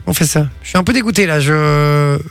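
A Belgian French man co-hosting evening radio, his voice set high with a gravelly, fry-laden edge. He banters and jokes with the team, then lays out the game rules for listeners in a loose, chatty way. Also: normal speed, faint music behind. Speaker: radio co-host running a guessing game.

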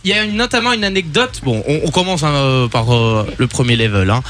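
A man co-hosts a radio show in a fairly high voice. His casual talk comes out haltingly, with some music underneath. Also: fairly bright tone. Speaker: radio co-host.

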